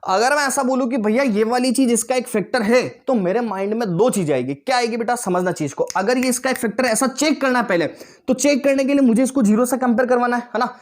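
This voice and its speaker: With an extremely high pitch and a fast delivery, a man in his twenties teaches maths online. He coaxes the class, keeps checking they understand, calls them "beta" and "bhaiya," and makes joking asides.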